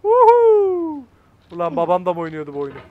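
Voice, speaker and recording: A man's voice: high-pitched, normal speed, no echo, narrow, tinny audio. A man in his twenties from Turkey giving casual gameplay commentary, coaxing himself and fretting aloud. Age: 20s. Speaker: gaming YouTuber.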